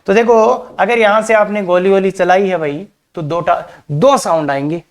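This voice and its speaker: Chatty male maths teacher lecturing. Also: sits high. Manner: chatty, mixes English terms into Hindi; addresses students as kids, asks rhetorical questions. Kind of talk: classroom lecture on coordinate geometry.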